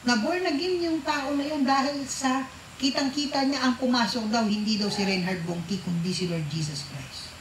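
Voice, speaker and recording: Woman preacher, high bright voice, keeps quizzing the congregation, roomy echoey church hall. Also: moderate pace, slight background noise. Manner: questions the congregation, mixes English into Filipino. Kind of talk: sermon.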